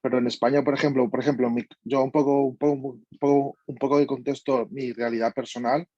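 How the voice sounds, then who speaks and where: Young man from Colombia, audience questioner, halting, dull and dry recording. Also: medium pitch, level tone, dark tone, no room sound. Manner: halting, many restarts. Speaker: audience member asking a question.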